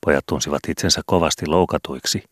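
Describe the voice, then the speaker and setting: A man narrates a children's book as an audiobook, reading in a steady, measured way. His voice is extremely deep. The recording is close and dry. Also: dry recording. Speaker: audiobook reader.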